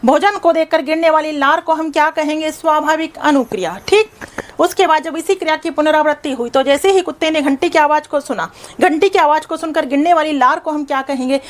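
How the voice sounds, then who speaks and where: Teaching psychology, a woman with a high-pitched voice asks her class questions and supplies the answers on her own. Next she goes over a definition again and again, slowing down each time and heavily stressing its key terms.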